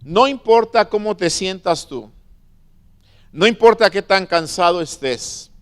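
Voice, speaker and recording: A man preaching a sermon as a pastor, stressing words slowly and asking his listeners questions. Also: high voice, animated. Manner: preaching with slow emphatic stresses and questions to the flock.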